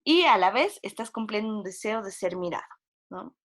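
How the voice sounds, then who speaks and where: A woman's voice: mid-range voice, expressive, normal speed. A woman giving a university psychology lecture, explaining with frequent tag questions and acting out quoted inner voices.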